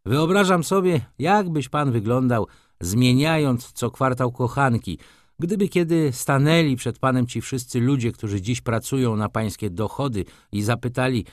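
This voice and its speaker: A man voicing an earnest, reflective young gentleman in an audiobook. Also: mid-range voice, moderate pace, no room sound, clean studio sound, lightly acted.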